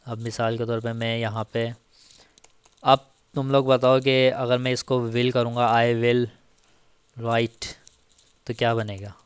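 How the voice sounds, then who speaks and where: A male teacher talks through a casual grammar lesson at an unhurried, deliberate pace. His voice is smooth and resonant. He repeats each example patiently, and the recording is dry and close. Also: medium pitch, level tone, no echo. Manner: slow, repeats each example with frequent "theek hai". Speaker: Turkish language teacher.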